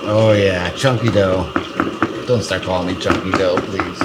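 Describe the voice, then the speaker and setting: Lowish guy goofing around while he bakes, crude jokes, noisy kitchen. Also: steady tone, measured pace. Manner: joking, crude, playful. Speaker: cooking show host. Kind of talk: casual cooking demo with banter.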